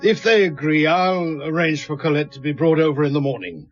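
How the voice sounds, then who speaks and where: An actor playing a measured, probing senior police inspector in a radio drama, speaking in a terse, controlled way. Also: male voice, fairly high pitch, lo-fi sound, faint music behind, close to an everyday voice. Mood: gentle, weary.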